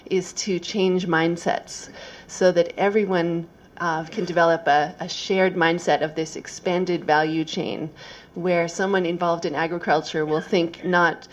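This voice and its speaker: Lower-pitched woman giving a conference talk. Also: fairly even intonation, a little slow. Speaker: conference speaker. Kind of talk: conference presentation.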